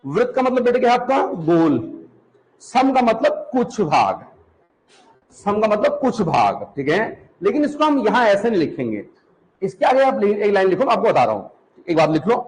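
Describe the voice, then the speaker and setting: A man teaching a class, repeating each term slowly so students can write it down, asking questions and answering them himself. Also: high-pitched, big pitch swings, a little mellow, slight background noise, rough recording. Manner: repeats terms for students to copy, asks and answers questions, calls students 'beta'. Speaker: Hindi teacher. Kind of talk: classroom lecture.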